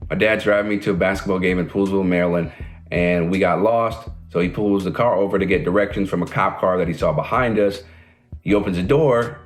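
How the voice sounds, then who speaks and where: A man's voice: low voice, fairly quick, faint music behind. A man in his twenties from Washington, D.C., telling a story directly in the present tense. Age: 20s. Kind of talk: personal testimony to camera.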